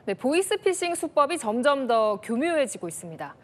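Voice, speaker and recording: A woman's voice: sits high, very animated, moderate pace, big-room sound. A woman presenting scripted news introductions as an anchor.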